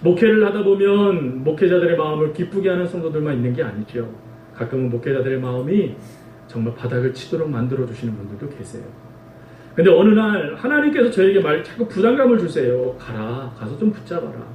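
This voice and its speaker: A man's voice: on the high side, expressive, fast, slight background noise. Emotive male pastor preaching in an echoey church. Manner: emotive preaching, swings from hushed confession to raised pleading. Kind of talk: sermon. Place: church sanctuary. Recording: echoey church hall, mic from a distance.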